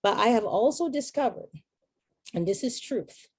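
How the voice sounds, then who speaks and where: A woman's voice: on the high side, animated, moderate pace, darkish tone, breathy edge, no room sound. A middle-aged woman from Barbados, giving an earnest, reflective inspirational talk with chatty asides. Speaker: motivational speaker.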